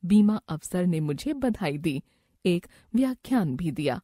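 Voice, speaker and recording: A woman narrates a moral story at an unhurried reading pace. Her voice sits a little low and sounds mellow and soft. The recording is dry and close, with no room sound. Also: very animated, no echo. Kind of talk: scripted first-person story narration.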